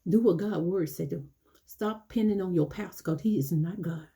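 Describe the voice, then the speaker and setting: A woman's voice: fairly low pitch, normal speed, gravelly, mellow. A woman preaching an informal sermon, scolding her listeners and repeatedly asking "you know what I'm saying". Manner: acts out quoted churchgoers in dialogue.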